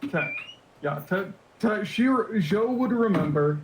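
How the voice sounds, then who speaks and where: A man running a tabletop game as game master, making rulings with pauses and restarts. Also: high voice, lively intonation, slight background noise. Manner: hesitant rulings, thinks aloud. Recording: roomy echo.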